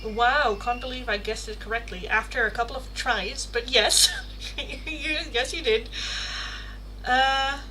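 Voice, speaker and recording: A native Dutch speaker from the Netherlands hosts a live tarot stream, chatting casually and expressively with viewers and swearing playfully. Her voice is on the high side and her pace measured. The audio is poor, with clear background noise.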